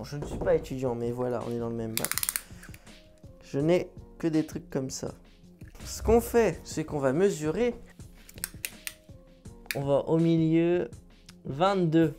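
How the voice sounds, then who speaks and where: A man's voice: fairly high pitch, animated, a little slow, long pauses, mellow, soft background music. A man from France talking to his viewers at home in a casual, joking, offhand vlog. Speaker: vlogger. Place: at home indoors.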